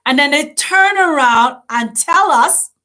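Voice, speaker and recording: A woman's voice: high-pitched, animated, takes it slowly, pushed and bright. A woman hosting, giving an impassioned spiritual address full of rhetorical questions and urgent appeals to her listeners. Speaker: host.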